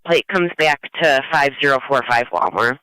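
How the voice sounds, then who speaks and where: A man's voice: mid-range voice, normal speed, sharp tone, clear, resonant tone, dry recording, low-quality recording. A man working as a police dispatcher, speaking in clipped, businesslike police radio exchanges.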